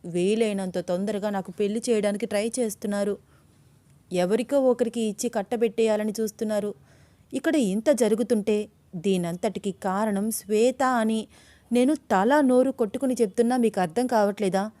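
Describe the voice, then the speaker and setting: A woman's voice: steady tone, brisk, mellow, no room sound, close to an everyday voice. A woman voicing a young woman in love who is agitated and fiery, in an audio story. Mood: angry. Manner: shrill, agitated pleading.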